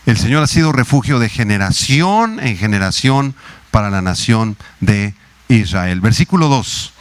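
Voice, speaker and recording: A male pastor preaching a sermon in a teaching manner, slowing to spell out words and rising in pitch on key phrases. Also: lively intonation, clean tone, no echo. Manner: teaching, spells out Hebrew words slowly, rises in pitch on emphasis.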